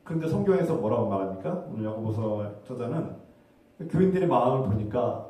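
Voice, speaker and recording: A man preaches in a mellow voice, pressing his listeners with rhetorical questions. The sound booms around a big, reverberant church hall and the mic sits well away from him. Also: big pitch swings, brisk. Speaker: pastor. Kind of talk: sermon. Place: church sanctuary. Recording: very echoey hall, heard from a distance.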